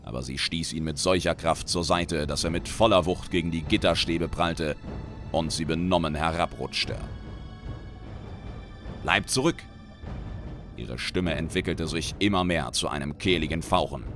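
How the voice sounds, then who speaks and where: Deep-voiced man narrating a dark tale. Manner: measured, dramatic storytelling. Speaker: reader and lore commentator. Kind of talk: reading a fantasy short story aloud. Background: background music.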